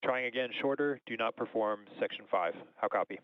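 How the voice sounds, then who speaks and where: A man working as a ground controller, giving formal, deliberate procedural calls over a breaking-up space radio link. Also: mid-range voice, dry recording, phone-quality sound.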